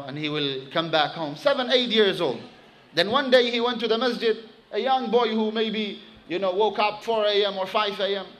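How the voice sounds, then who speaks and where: A man preaching a sermon to his congregation, telling a story with animated emphasis and quickly reciting Arabic phrases. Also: sits high, low-quality recording.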